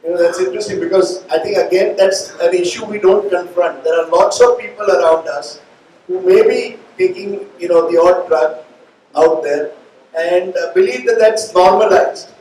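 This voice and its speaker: Middle-aged Indian-accented male interviewer, high-pitched, discursive, distant in a reverberant space. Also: moderate pace, darkish tone. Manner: discursive, long reflective questions. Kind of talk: live on-stage interview. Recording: echoey room, distant mic, faint noise.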